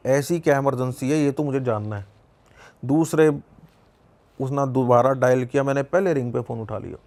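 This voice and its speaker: A man's voice: medium pitch, gravelly, a little mellow. A young Punjabi man with a Punjabi accent, telling a personal story in a casual, rambling way with many restarts. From Punjab, India. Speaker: podcast guest.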